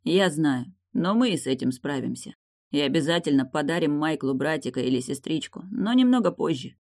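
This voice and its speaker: A reader voicing a wounded man who gently reassures his crying wife in an audiobook. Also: mid-range voice, expressive, a little fast, lightly acted. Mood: tender. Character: wounded man, tender, consoling husband.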